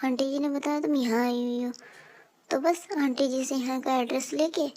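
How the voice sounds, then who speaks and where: Clingy college boy, played by a woman, soft and sweet. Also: high-pitched, fairly even intonation, moderate pace, voice pushed down, lightly acted. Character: clingy young male college friend.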